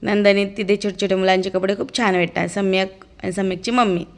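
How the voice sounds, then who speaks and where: A woman's voice: mid-range voice, steady tone, brisk. A woman giving a chatty, amused running commentary as a casual vlog voice-over, narrating as the child's aunt.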